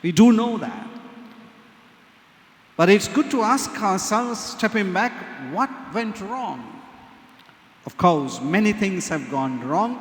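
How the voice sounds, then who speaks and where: A man with a Sri Lankan accent preaching as a priest at Mass, speaking in a measured, solemn way with deliberate pauses, with cathedral-like echo. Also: a little high. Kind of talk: Gospel reading and homily at Mass. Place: large reverberant church. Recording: echoey church with long cathedral-like reverb.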